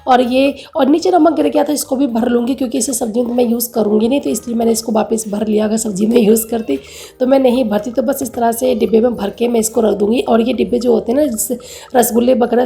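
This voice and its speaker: Gravelly voiced chatty woman vlogger. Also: fairly high pitch, warm tone, echoey room. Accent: Hindi, north Indian. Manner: chatty, rambling, gives homely advice. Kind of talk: casual home vlog narration. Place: home kitchen.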